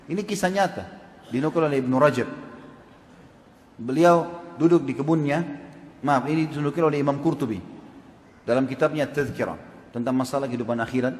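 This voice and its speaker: A man's voice: medium pitch, fairly quick, long pauses, darkish tone. A man preaching a sermon, asking his audience questions and acting out quoted speech. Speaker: Islamic preacher. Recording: echoey hall with long reverb.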